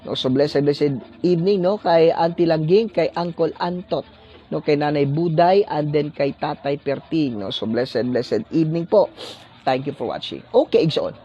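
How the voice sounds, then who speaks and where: Pastor guy preaching on a livestream, slightly high voice, keeps tagging phrases with a question. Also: normal speed, dark tone, husky, highs cut off. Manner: repeats tag question "no?" after phrases; blessing-decree cadence, preacherly. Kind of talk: livestreamed sermon.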